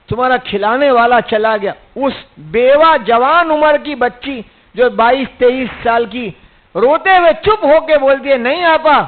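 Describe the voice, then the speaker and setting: A man preaches a sermon in a strikingly high voice, exhorting his listeners and pressing them with rhetorical questions. The recording is thin and narrow, like a phone line. He comes from India. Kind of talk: religious sermon. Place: mosque gathering.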